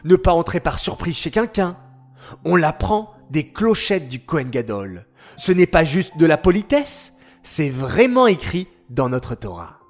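A man's voice: fairly high pitch, sing-song, unhurried, faint music behind. A man voicing a patient boy explaining. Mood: patient, warm. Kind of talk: children's story reading.

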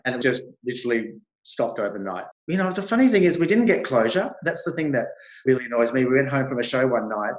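A man's voice: mid-range voice, sing-song, quick pace, reverberant, low-quality recording. An Australian man chatting expressively as a guest in a casual interview.

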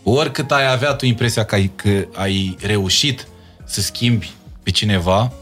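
A man's voice: lowish voice, a bit bright, soft background music. A young man with a Moldavian Romanian accent, speaking as an interview guest in casual talk and stressing his points by repeating words.

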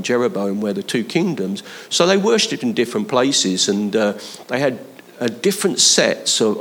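A man preaching a conversational sermon, building to emphatic appeals to his listeners. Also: medium pitch. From London, England.

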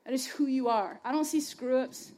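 A woman's voice: sits high, moderate pace, a little mellow. A young adult woman giving a passionate, conversational sermon to a youth gathering, chatty and full of "like" and "y'all". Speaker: speaker at a youth faith gathering.

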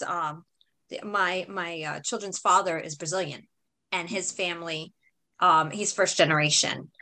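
A woman interviewer with a medium-pitched voice responds warmly and effusively. Her questions wander and loop, padded with "you know" and "right?". The tone is conversational and appreciative. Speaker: interviewer host.

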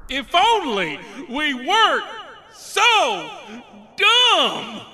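A woman's voice: sits high, huge pitch swings, extremely slow, pushed and bright, far from the mic, exaggerated voice. A woman doing a goofy dim-witted henchman. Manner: folksy hick talk, "gee whiz", "yuck yuck".

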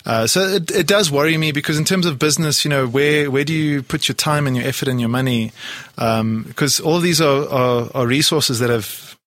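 A man's voice: mid-range voice, normal speed, hardly any pauses, a bit bright, no echo. A man from Poland, a guest entrepreneur, chatting casually in an interview with lots of restarts and fillers. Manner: rambling, many restarts and fillers. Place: South Africa.

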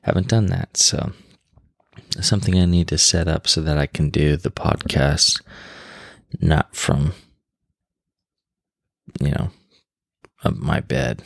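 A man's voice: rumbling low, steady tone, slow pace, creaky, long pauses, no room sound, clean studio sound. A man hosting a casual solo podcast, talking in a rambling, unscripted, informal way and sounding tired. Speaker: podcast host. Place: bedroom in a new home, on his bed.

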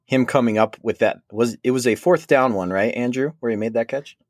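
A man's voice: mid-range voice, a little fast, no room sound, studio quality. A man from Minnesota hosting a fantasy football podcast, chatting casually and rambling. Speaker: podcast host. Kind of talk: casual sports podcast chat.

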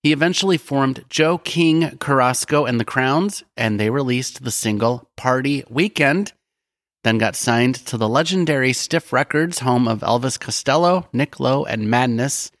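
A man co-hosts a casual music podcast with a relaxed, friendly manner. His voice sits in a middle range. The sound is dry and close, with no room around it. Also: mid-range voice, measured pace, dry recording. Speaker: podcast co-host. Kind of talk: casual chat.

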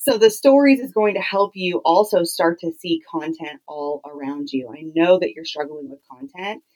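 Conversational woman podcaster, slightly low-pitched. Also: normal speed, a little mellow, poor audio. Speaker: podcast host. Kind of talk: solo podcast teaching, conversational. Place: home clothes closet used as podcast booth.

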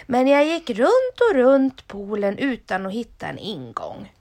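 Woman reading small soot monster with yellow eyes, chatty, higher-set voice, storybook. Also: wildly swooping pitch.

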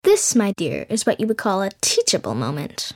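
A woman voicing a wry, wistful female sea witch with a serpent's tail, speaking in a knowing, gently teasing way in a storybook reading. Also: medium pitch, wildly swooping pitch, normal speed, dry recording, clean studio sound. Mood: teaching.

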